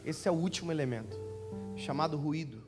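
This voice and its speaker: A young Brazilian pastor with a high voice preaches at a youth conference. He jokes, tells stories and calls his listeners brother. Music plays underneath the live church recording. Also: a little fast, long reverb tail. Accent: Brazilian Portuguese. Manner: joking, storytelling, addressing listeners as brother. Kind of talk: lively conference sermon.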